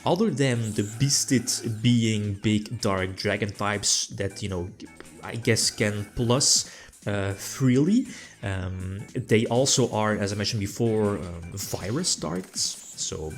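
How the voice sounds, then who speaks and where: Low-pitched male gamer, casual rambling match commentary, lots of restarts, soft music bed behind. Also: animated, slow. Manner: rambling, full of fillers and restarts. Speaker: card game player commentating his deck.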